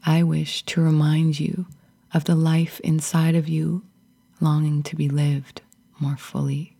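A tender, fierce spirit of fear speaks to a girl in a hushed, loving whisper, as a woman narrator gives it voice. The tone is low and gravelly, slow and breathy. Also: level tone, exaggerated voice. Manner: soft, loving, whispery address.

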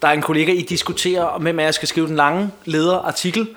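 Male host, bright and somewhat high, prompts the guest and laughs along easily. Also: level tone. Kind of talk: casual interview chat.

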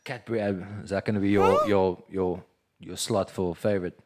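A man's voice: deep voice, steady tone, moderate pace. A man co-hosting a casual podcast over beers, rambling with many restarts and swearing freely. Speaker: podcast co-host.

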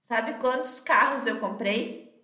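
Brazilian woman podcast co-host, chatty and emphatic, slightly high voice, echoey room. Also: takes it slowly, sharp tone. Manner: chatty, emphatic, tags phrases with "tá?". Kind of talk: casual chat, reading listener comments.

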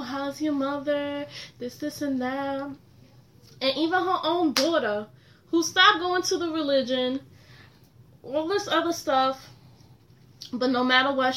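High, bright-voiced woman telling a story. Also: measured pace, long pauses, a little hiss or hum. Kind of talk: casual chat.

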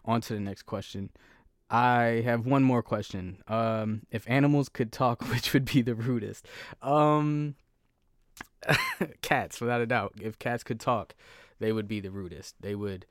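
A man's voice: fairly low pitch, steady tone, unhurried, no echo, clean studio sound. A man hosting a solo podcast, telling stories in a rambling, profane, self-deprecating way from home. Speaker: podcast host. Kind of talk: solo casual podcast monologue.

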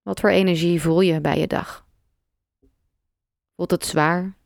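A woman leading a guided meditation, speaking gently and calmly in short, spaced phrases with long pauses. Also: fairly low pitch, creaky, no room sound, studio quality.

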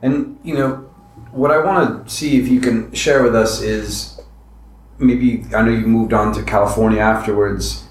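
A man's voice: on the low side, echoey room, slight background noise. Latin American man hosting a podcast. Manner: long winding questions with many fillers. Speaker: podcast host. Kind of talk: interview podcast.

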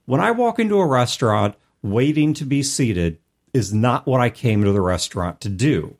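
Here a male podcast co-host, expressive and at a normal speed with a medium-pitched voice, discusses tabletop role-playing in a relaxed way. Everyday analogies carry his explanations.

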